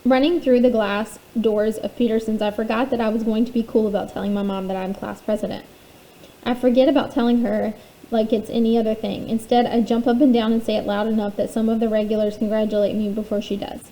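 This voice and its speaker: Female reader for a chapter-book reading, fairly high, mellow tone, steady storytelling. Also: a little fast, rough recording. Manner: steady first-person storytelling. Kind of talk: reading a children's novel aloud.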